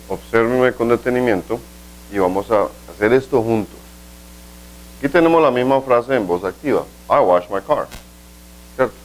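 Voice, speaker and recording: A man teaching an English grammar lesson in a video, explaining step by step, asking the class rhetorical questions, and slowing down to say example sentences carefully. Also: medium pitch, rough recording.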